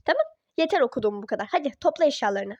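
A woman's voice: high voice, expressive, very fast, no echo, highs cut off, voice pushed down. A woman voicing a pushy middle-aged mother who coaxes her daughter to come home in a toy-app role-play drama. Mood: coaxing. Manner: coaxing, dismissive.

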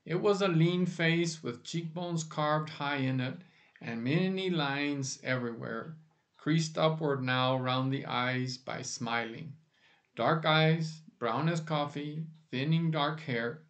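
A man reading a novel aloud in a slow, measured way. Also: a little high, a bit bright. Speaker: narrator.

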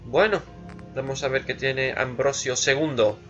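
A man's voice: medium pitch, fairly even intonation, a little slow, a bit bright, dull audio, soft background music. A man giving casual, playful let's play commentary, musing aloud and repeating words. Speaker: gamer, let's play host.

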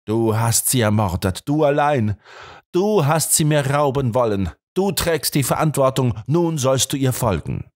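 A man's voice: mid-range voice, normal speed, hardly any pauses, a bit bright, close to an everyday voice. A man doing a hissing, menacing criminal. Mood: raging accusation. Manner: threatening, hissing. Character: menacing middle-aged man, a violent criminal father. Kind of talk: audiobook reading.

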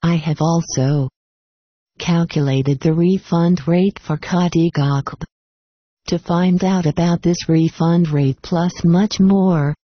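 A calm synthetic computer voice in a woman's register, reading out an automated sales pitch with flat, measured delivery of figures. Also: dry recording, lo-fi sound.

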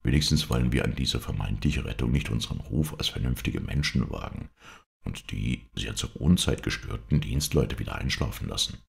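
A man's voice: very deep voice, expressive, a little fast, creaky, heavily acted. A man reading aloud, playing a sober, skeptical husband who answers with dry irony. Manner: dry, reasoning.

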